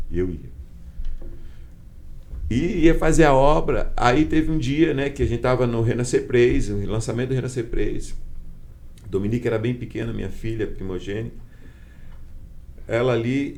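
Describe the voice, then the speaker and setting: A bishop with a Brazilian Portuguese accent appears as a podcast guest, telling a heartfelt personal testimony and acting out the quoted dialogue. His voice is fairly low-pitched and warm.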